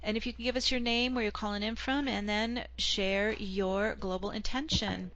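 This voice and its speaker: A woman hosting a spiritual call-in broadcast with a smooth, soothing radio-host delivery, taking callers on the air. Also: medium pitch, fairly even intonation, normal speed, fairly bright tone, lo-fi sound.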